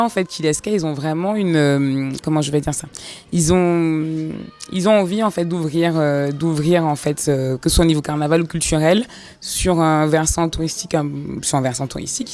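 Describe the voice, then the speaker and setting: A tourism entrepreneur from Guadeloupe speaking fluently in an interview, leaning often on fillers and restarts. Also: female voice, low-pitched, darkish tone. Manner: fluent but filler-heavy, says 'en fait' often.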